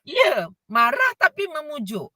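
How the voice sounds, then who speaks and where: A middle-aged Malaysian woman with a clear, bright tone talks slowly through a voice lesson, acting out the voices she describes. She has a Malaysian Malay accent. The sound is dry and close. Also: high voice, dry recording. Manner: expressive, acts out scolding voices. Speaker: vocal coach. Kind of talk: voice class talk.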